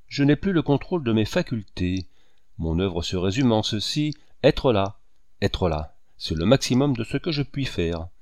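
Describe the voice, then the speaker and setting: A gentle, wavering aging artist, sighing softly as he broods, voiced by a man reading a novel aloud. The voice sits low but moves a lot in pitch, and the sound is close and dry with no room in it. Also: very animated, normal speed, dry recording. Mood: brooding.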